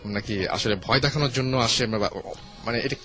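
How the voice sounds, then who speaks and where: Bangladeshi man, horror radio host, clear bright tone, asks probing questions. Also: mid-range voice, normal speed, faint music behind. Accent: Bangladeshi Bengali. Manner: steady listener, prompts with short murmurs, asks probing questions. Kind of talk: horror call-in radio show.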